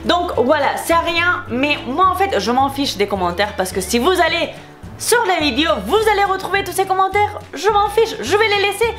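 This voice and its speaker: Her voice is very high-pitched and expressive, fairly bright in tone, at a normal pace with faint music behind it. This young woman from Spain, a beauty vlogger speaking French with a Spanish accent, replies to comments heatedly and repeats herself in a casual vlog.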